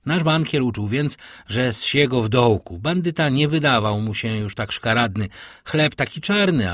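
A man narrating a classic novel in an expressive storytelling reading. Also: mid-range voice, dry recording, studio quality. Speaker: audiobook narrator.

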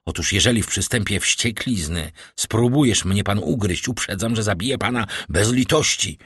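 A man's voice: on the low side, moderate pace, a bit bright, husky, no echo, clean studio sound. A man doing a blustering frightened banker. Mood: threatening. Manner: blustering, defensive. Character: frightened, indignant older male banker.

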